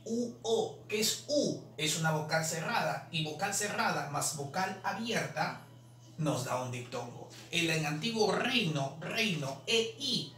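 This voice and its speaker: A man with a slightly high, sharp, animated voice teaches the answers to a language exam in a solution lesson. He explains things by drawing out and repeating syllables. The sound is roomy and faintly noisy, captured from a distant mic.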